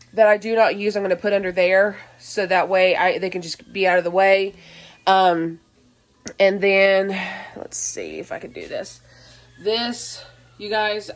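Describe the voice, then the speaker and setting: A young woman in her twenties chats to her viewers from inside a small, busy home. Her talk is loose and rambling, full of "um"s and restarts, and she is slightly short of breath. Her pitch sits in a plain, middle range. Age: 20s. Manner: rambling, many fillers and restarts. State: out of breath, allergies. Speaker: mom vlogger. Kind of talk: casual chatty vlog. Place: small cluttered home, indoors.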